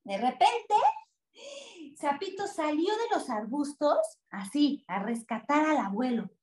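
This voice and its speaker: A woman with a Mexican accent reading a picture book aloud to children, expressive and asking them questions. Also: sits high, slow, slight background noise. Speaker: children's storyteller. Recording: echoey room.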